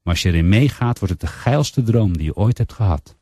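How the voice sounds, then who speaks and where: A man voicing a soft-spoken, coaxing male nurse in a story he reads aloud. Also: on the low side, animated, a little fast, slightly rough, no echo, clean studio sound. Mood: soothing.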